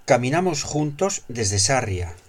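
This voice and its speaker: A man's voice: mid-range voice, big pitch swings, a little slow, slight background noise. A man reading short scripted dialogue phrases as examples for a language lesson.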